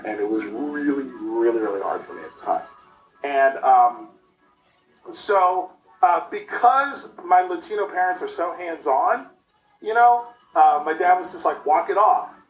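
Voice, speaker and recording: A man in his late thirties, a podcast guest and improv performer, tells a story in a rambling, halting, self-mocking way, his voice tinny as if he were inside a metal can. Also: mid-range voice, echoey room. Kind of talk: casual chat, storytelling. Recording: hollow, distant remote call with faint hiss.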